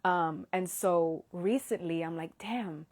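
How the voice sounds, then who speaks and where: A woman's voice: on the low side, slow pace, a little mellow. A woman in her thirties hosting a live stream, talking earnestly and sometimes dropping to a whisper while holding back tears. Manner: heartfelt, earnest, drops to whispers when moved. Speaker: host of an Instagram Live. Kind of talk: emotional casual live stream talk.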